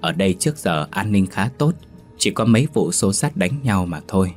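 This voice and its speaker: A man narrating a horror story in steady, dramatic storytelling. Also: low voice, moderate pace, faint music behind.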